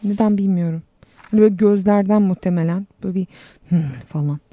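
A woman's voice: mid-range voice, quick pace, mellow, dry recording, lo-fi sound. A young woman casually commenting on a game while she plays, chatty and sarcastic, reading the game text aloud as she goes. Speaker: game streamer.

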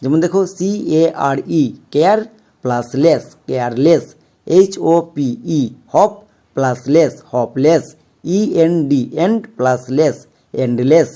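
A man's voice: on the high side, unhurried, dark tone. A man teaching English pronunciation in a video lesson, spelling words out letter by letter and repeating key rules. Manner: methodical, spells letters out one by one; repeats key points for emphasis.

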